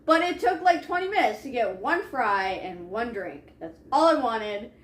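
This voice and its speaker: Animated, laughing woman podcast co-host. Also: on the high side, normal speed. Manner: swears freely, laughs through stories. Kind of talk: casual chat. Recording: echoey room with faint hiss.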